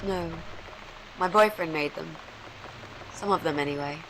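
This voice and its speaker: A woman voicing a friendly, eager young flatmate in a horror video game who chatters on. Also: deep voice, a little slow. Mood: chatty. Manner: friendly and eager, talks on in a rush. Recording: rain noise behind the voice.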